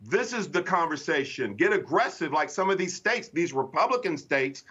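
A man speaks as a news guest, pressing his points hard and coming back to the host's name again and again. His voice sits fairly high, and the remote feed sounds slightly muffled. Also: very animated, moderate pace, a bit bright, breathy edge. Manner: emphatic, repeats the host's name often. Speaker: political commentator guest. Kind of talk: cable news interview.

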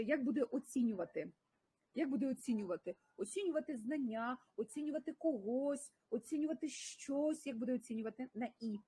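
A woman's voice: a little high, a little mellow, breathy edge, no echo. A woman with a Ukrainian accent teaching an English lesson on a livestream, mixing both languages and praising her students by name.

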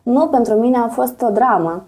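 Candid Moldovan woman with a mellow voice. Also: fairly high pitch. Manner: candid and animated, laughs often, fillers and self-corrections. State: pregnant. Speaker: interview guest, singer and presenter. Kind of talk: relaxed interview chat.

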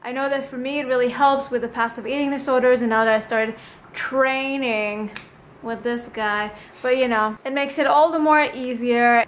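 A high-pitched, slightly bright-voiced woman in her twenties records a casual cooking vlog in her small apartment kitchen, with slight background noise. Speaking to a handheld camera, she's bubbly and enthusiastic and tastes the food on camera.

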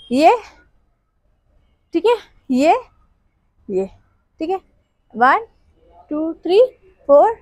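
High-voiced woman counting dance beats. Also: no echo. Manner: counts beats aloud and sings along to the steps. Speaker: dance teacher. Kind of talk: dance tutorial instruction with counting.

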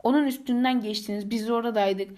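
A man's voice: very high voice, fairly even intonation, fairly quick, a little mellow. A teenage boy reading the lines of a curious village shepherd boy in an audiobook, with plain, earnest delivery. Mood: eager. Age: teens.

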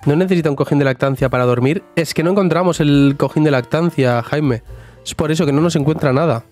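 A man's voice: a little high, fast, a little mellow. Guy streaming a sims game, jokey, chats with viewers, music faint behind. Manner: chatty, jokey, talks to chat and to the sim. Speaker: streamer playing a life-sim game. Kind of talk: casual live gameplay chat.

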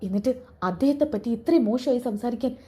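A woman's voice: a little high, quick pace, mellow, lightly acted. A woman voicing a loyal young woman who scolds and warns her brother-in-law. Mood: indignant. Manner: scolding, warning.

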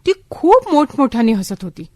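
An actress playing a young college woman who tells a funny story in a chatty, animated way. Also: high-pitched, moderate pace, no room sound, studio quality, exaggerated voice. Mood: storytelling. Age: young adult. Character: cheerful college girl telling a funny story. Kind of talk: radio drama acting.

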